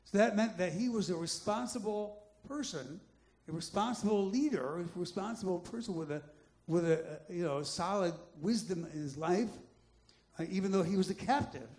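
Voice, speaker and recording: A man pastor preaching a Bible-study sermon, halting with restarts, then building into emphatic repeated phrases. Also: high-pitched, a little mellow. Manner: halting, many restarts and fillers, rising into emphatic repetition.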